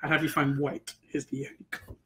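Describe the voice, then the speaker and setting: A man's voice: fairly high pitch, completely flat delivery, fairly quick, fairly bright tone, slightly rough. A man who runs tabletop games, rambling through game stories in casual chat and laughing often. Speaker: game master.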